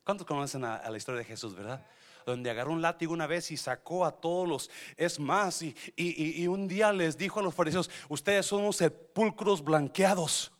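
A man, preaching a sermon as pastor, swinging from quiet asides to shouted climaxes and dropping in English phrases. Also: a little high, fairly quick.

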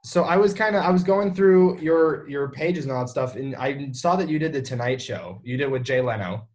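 Male podcast host, casual, eager reactions, mid-pitched. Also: normal speed, darkish tone. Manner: enthusiastic, brief reactions. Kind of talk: casual interview.

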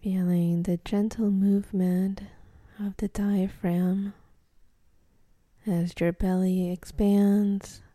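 A woman guides a meditation in a soft, calm, half-whispered voice, leaving long pauses between phrases. Her pitch is medium, and the studio sound is clean with no echo.

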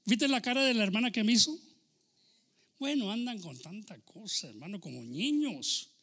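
Gravelly high-voiced pastor preaching. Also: male voice, big pitch swings, moderate pace. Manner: preaching, swings between loud exclamations and low asides, mixes in English phrases. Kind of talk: sermon.

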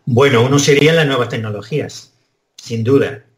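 A translation professor from Spain answers interview questions thoughtfully in a Spanish accent, with hesitant restarts, in a conversational exchange. His voice is medium-pitched at a moderate pace, and the recording sounds roomy.

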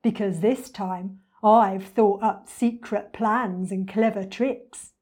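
A huge, greedy storybook crocodile, acted out by a woman, boastful and scheming. He gloats loudly and stretches his words slowly with wicked relish. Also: mid-range voice, steady tone.

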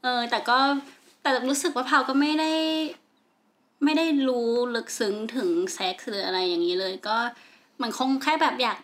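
Woman, casual talk co-host, slightly high bright voice, relaxed and searching for words. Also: normal speed. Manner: relaxed, hesitant, many fillers. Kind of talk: casual chat.

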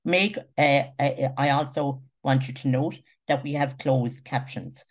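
Very low-voiced woman chairing an event. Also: unhurried. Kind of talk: formal introduction and housekeeping announcements.

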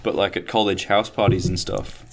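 A young man with an Australian accent bantering casually as a podcast co-host, teasing in a playful deadpan. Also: deep voice, normal speed.

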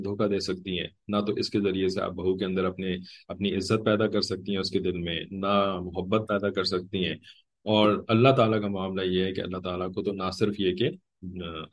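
Man, religious lecture, explanatory, lowish voice. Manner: explanatory, repeats "ठीक है" often; acts out short quoted lines in changed tones. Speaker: religious teacher.

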